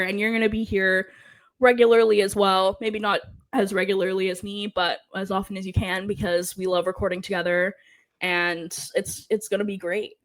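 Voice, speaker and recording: A woman's voice: medium pitch, fairly bright tone. A woman hosting a hockey podcast in a chatty, upbeat way, her voice worn from losing it. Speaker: podcast host. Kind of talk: casual podcast chat.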